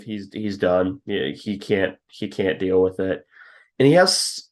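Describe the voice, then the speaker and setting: A young man co-hosting a podcast, casually breaking down a football team's linemen, reading stats and laughing at his own jabs. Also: lowish voice. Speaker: podcast co-host. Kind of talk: casual football scouting talk.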